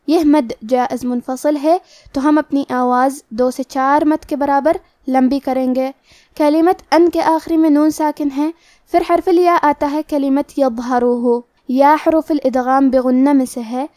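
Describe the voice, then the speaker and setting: A woman teaching Quran recitation, explaining each letter's sounding slowly and carefully. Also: high voice, dark tone, no echo, studio quality. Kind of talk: tajweed lesson.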